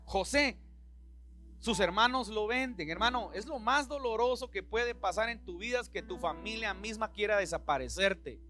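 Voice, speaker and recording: Bright-voiced, high-pitched preaching man. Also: normal speed, faint music behind. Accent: Central American Spanish. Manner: impassioned, acts out Bible dialogue in voices. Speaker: pastor. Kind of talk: sermon. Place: church.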